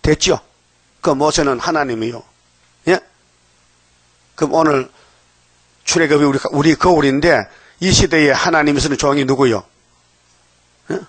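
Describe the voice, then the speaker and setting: An emphatic man preaching at a dawn service, his voice sitting a little high for a man. He keeps prodding the congregation with short rhetorical questions, and the sound is dry and close, with little room echo. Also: a little slow, pauses often.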